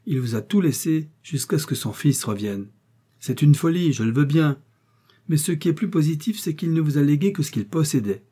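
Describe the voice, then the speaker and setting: A man's voice: fairly high pitch, expressive, normal speed, warm tone, slightly rough, pitched above the performer's own voice. A man reading the part of an elderly servant woman who answers with great politeness but firmly refuses. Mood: politely firm. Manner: respectful but unyielding.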